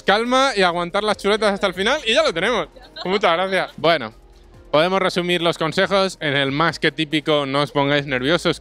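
A man's voice: on the high side, sharp tone, clear, resonant tone. A young man hosting a casual street interview outdoors on a busy city street, speaking into a handheld microphone in an upbeat, chatty way. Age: young adult.

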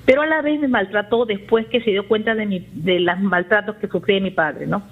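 Caller: woman in her 40s, husky, rambling and confessional, on dull lo-fi audio. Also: medium pitch, a little fast. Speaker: radio caller. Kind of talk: call-in confession to a therapist.

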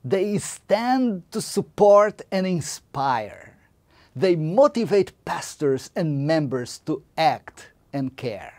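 A man giving a slow, measured scripted narration. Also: a little high, very animated, darkish tone.

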